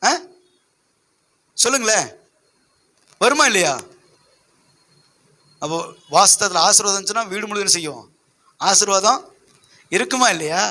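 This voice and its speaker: High, bright-voiced preaching pastor. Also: male voice, expressive, normal speed, pauses often, a little hiss or hum. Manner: emphatic preaching, rhetorical questions to the congregation. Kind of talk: sermon.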